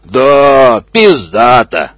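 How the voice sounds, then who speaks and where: A man's voice: medium pitch, very animated, drawn-out words, fairly bright tone, no room sound, heavily acted. Man doing a bossy cursing crocodile. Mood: scornful. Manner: barking curses. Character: rude male crocodile, bossy and scornful.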